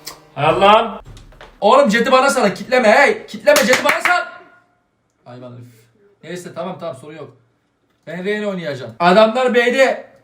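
A man in his twenties playing a lazy gamer son who is excitable while gaming and sheepish and evasive with his father. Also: sits high, normal speed, long pauses, a little hiss or hum. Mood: excited. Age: 20s. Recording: echoey room, faint music behind.

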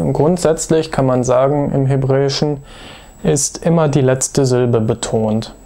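Man, language teacher, unhurried delivery, mellow tone, methodical, hesitant fillers. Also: mid-range voice. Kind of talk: explanatory video lesson.

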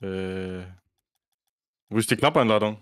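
A man's voice: on the low side, measured pace, a bit bright, clean tone. A young man in casual voice chat while gaming, joking in crude banter and laughing. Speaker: gamer.

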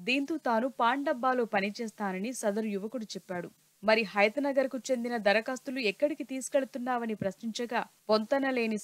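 A woman with a slightly high voice reads a scripted TV news report in a steady, formal manner. The recording is close and dry, with no echo.

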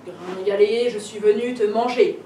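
A woman voicing a big, hungry, boastful male wolf who shouts his threats in a storybook tale. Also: mid-range voice, steady tone, measured pace, a little hiss or hum, close to an everyday voice. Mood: threatening. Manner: loud growling threats. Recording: roomy library heard from a distance.

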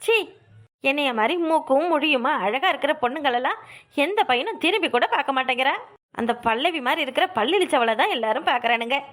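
A woman's voice: high voice, animated, fast talker, fairly bright tone. A woman voicing a jealous, vain young village woman in a cartoon, with a catty, sneering manner. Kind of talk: cartoon voice acting.

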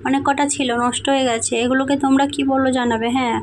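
A young woman from Medinipur chatting softly in a casual home vlog, sleepy and sweaty in the heat. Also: sits high, flat delivery, fast talker, noisy background. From Medinipur, West Bengal, India. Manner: soft, hushed talk so a sleeping child stays asleep. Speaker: vlogger, housewife and mother. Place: small home indoors. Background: background music.

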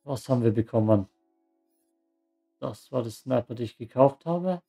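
A man's voice: medium pitch, expressive, moderate pace, creaky, dark tone, soft background music. A man giving casual commentary while playing a video game, with joking, sarcastic asides. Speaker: let's play gamer.

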